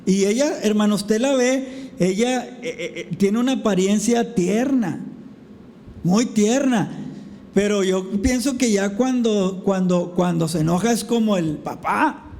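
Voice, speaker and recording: A man's voice: high voice, a little slow, a little mellow. A male pastor preaching a conversational sermon at a church service, telling a story and often calling the congregation brothers. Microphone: recorded preaching mic.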